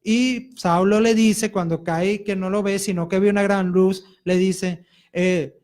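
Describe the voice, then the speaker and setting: Preacher, male, high and unhurried, reads scripture aloud. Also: fairly even intonation, darkish tone. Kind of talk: sermon.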